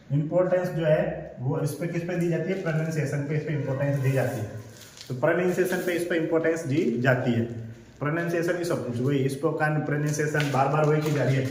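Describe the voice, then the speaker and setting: A male teacher giving an exam-prep lecture, repeating each point several times and reading English lines slowly before explaining them. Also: on the high side, a little mellow. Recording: very echoey room, faint background noise.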